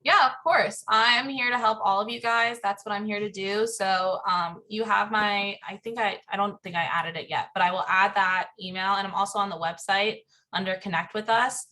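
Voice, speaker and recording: A woman's voice: medium pitch, steady tone, moderate pace, hardly any pauses, bright, forceful tone. A woman presenting social media tips, answering questions on a video call in an upbeat way. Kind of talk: casual webinar Q&A.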